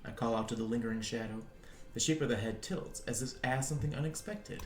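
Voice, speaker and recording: A man's voice: medium pitch, fast. Man reading game text in an echoey room. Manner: chuckling, animated reading. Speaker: streamer reading a game aloud. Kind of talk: reading game narration aloud.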